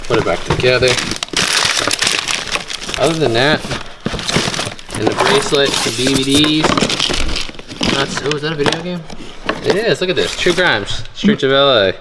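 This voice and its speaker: A young man casually narrating a vlog as he digs through a storage unit, joking and thinking out loud. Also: medium pitch, normal speed, pauses often, heavy background noise. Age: young adult. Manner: chatty, joking, thinking aloud while rummaging. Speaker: storage unit treasure hunter. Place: indoor metal storage unit.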